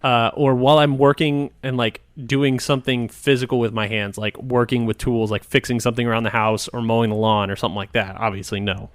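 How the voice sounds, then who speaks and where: A man's voice: mid-range voice, little pitch movement, brisk, hardly any pauses, no room sound, clean studio sound. A man co-hosting a podcast, talking bluntly and jokily in casual chat. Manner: blunt, laid-back, jokey. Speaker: podcast co-host.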